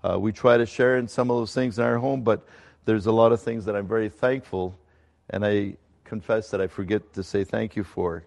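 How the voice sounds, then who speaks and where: A middle-aged male pastor who grew up in Ecuador, preaching a sermon in a conversational, halting way with fillers and restarts. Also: lowish voice, steady tone, creaky, a little mellow. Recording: long hall reverb.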